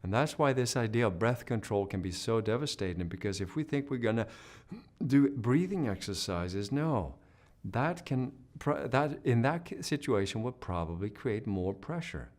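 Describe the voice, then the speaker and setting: A man's voice: mid-range voice, lively intonation, moderate pace, darkish tone. A man giving an online singing lesson, explaining patiently and checking in with "right?". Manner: demonstrates hoarse and humming sounds mid-explanation. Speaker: singing teacher. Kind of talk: instructional video lesson.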